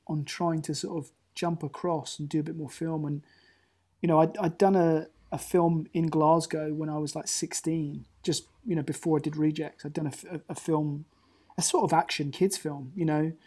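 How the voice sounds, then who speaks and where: Over a remote call, an actor being interviewed casually drifts through long anecdotes, often starting over. His fairly high voice has a darkish tone and fairly even intonation, at a normal speed.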